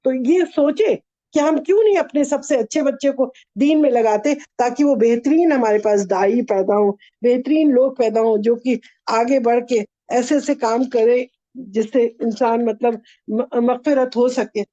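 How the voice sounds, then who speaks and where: A woman with a high, mellow voice gives an earnest religious talk, asking her listeners one rhetorical question after another. She mixes English words into her speech. The recording is dull and lo-fi. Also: no room sound. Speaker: religious speaker.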